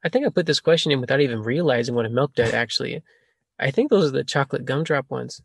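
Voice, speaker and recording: A man's voice: medium pitch, lively intonation, quick pace, creaky, slightly rough, no room sound, clean studio sound. Rambling man hosting a casual podcast. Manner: rambling, laughing, self-correcting. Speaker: podcast host asking questions.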